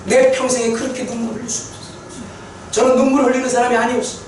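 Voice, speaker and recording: A man preaching a sermon testimony, telling his story with animated repetition for emphasis. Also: very high voice, very fast, noisy background. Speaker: pastor. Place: church sanctuary. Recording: echoey church hall from far off.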